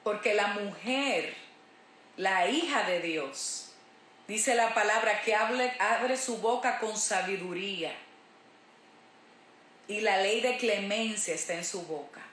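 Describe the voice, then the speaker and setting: A woman's voice: medium pitch, takes it slowly, long pauses, a bit bright. A woman pastor preaching a sermon in an emphatic way, repeating her key phrases. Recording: roomy echo.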